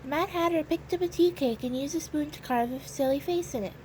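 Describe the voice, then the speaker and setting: A woman's voice: high voice, a little fast, darkish tone, slight background noise, low-quality recording. Woman reading a children's story aloud. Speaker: narrator.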